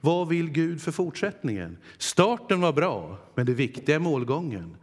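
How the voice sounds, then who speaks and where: A man preaching a sermon in earnest, with dramatic pauses, voicing God's words to his listeners. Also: on the high side, sing-song. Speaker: pastor. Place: church hall. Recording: long hall reverb.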